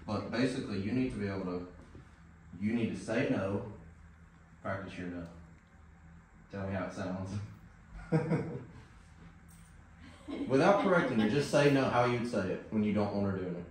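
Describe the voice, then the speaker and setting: A man working as a dog trainer, coaching an owner in a relaxed, explanatory way with many "like" and "right?" checks. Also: fairly low pitch, normal speed, long pauses, slight background noise. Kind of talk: casual instruction. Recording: very echoey room, mic at a distance.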